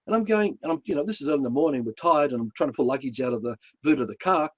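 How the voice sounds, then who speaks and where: A middle-aged Australian man hosting a spiritual talk, telling a personal story bluntly and with strong emphasis, swinging between excited highs and hushed lows. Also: rapid-fire, dry recording. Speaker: show host.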